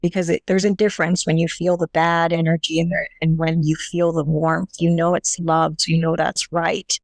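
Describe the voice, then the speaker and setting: A woman speaking as an interview guest, telling a personal story earnestly and haltingly, often restarting her sentences. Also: sits low, level tone, dry recording.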